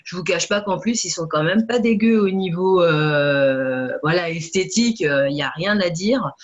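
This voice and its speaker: A woman's voice: lowish voice, normal speed, dull audio. A woman chatting casually about selling, hesitant and full of fillers. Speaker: network marketing distributor. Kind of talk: casual talk to camera.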